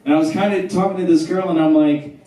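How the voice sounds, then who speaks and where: A man's voice: a little high, steady tone, quick pace, warm tone. Rambling man doing stand-up in echoey room. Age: 30s. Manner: loose, rambling, laughing between jokes. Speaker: stand-up comedian. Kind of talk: stand-up comedy set. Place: small theater stage with audience. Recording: echoey room from far off, crowd noise.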